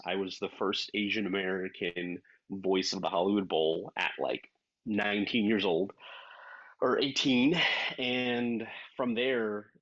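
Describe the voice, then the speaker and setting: Male voice actor guest, lively storyteller, low voice, muffled dry line. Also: no echo. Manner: animated, acts out quoted dialogue. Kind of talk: casual interview storytelling. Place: based in Los Angeles.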